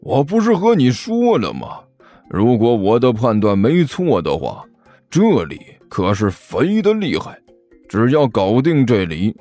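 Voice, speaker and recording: A man voicing a gruff, boastful middle-aged tomb-robber master who lectures slowly and grumbles at his apprentice. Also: on the low side, mellow, voice pushed down.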